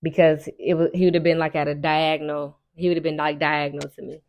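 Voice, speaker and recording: A woman's voice: low-pitched, level tone, fast talker, a little mellow. A woman telling a personal story in casual, colloquial chat, animatedly acting out dialogue and stretching key words for emphasis. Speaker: storyteller addressing her audience.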